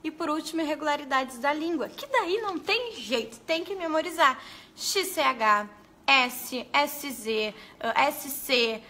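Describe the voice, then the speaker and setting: A woman, a pedagogue, giving a lively live lesson to teachers and talking straight to her viewers. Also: sits high, a little slow. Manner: lively, animated, addresses viewers as "gente".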